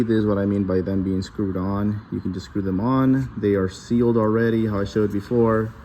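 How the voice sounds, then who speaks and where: A man's voice: fairly low pitch, darkish tone, a little hiss or hum. A man giving a casual, hands-on how-to commentary, recorded on a handheld camera in a garage. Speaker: DIY car builder presenting. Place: metal-walled garage workshop.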